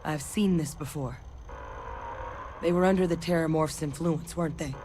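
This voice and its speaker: A performer voicing a seasoned soldier and creature expert in a video game, grave and measured, talking instructively. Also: mid-range voice, noisy background, lightly acted. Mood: grave, explaining.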